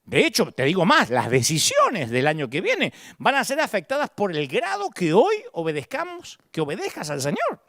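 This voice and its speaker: A man's voice: high-pitched, huge pitch swings, moderate pace, few pauses, a bit bright, no echo, clean studio sound. A middle-aged man with an Argentine accent preaching a sermon, dramatic and acting out the voices of the people he quotes. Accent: Rioplatense Spanish. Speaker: pastor.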